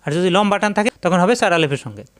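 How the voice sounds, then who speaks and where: Teaching a tajweed lesson, this man has a high, smooth, resonant voice with a fairly bright tone, and he is very animated. He lays out each rule slowly, repeats it, and then slips into long chanted recitations of the words under study.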